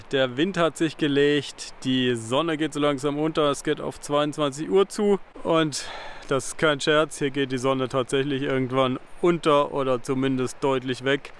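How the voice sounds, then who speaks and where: Male travel vlogger, 40s, casual jokey narration at arm's length, light background hiss. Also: on the high side. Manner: chatty, jokey, talks to his camera and his teddy bears. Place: outdoors at a forest campsite and inside a camper van. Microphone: handheld camera at arm's length.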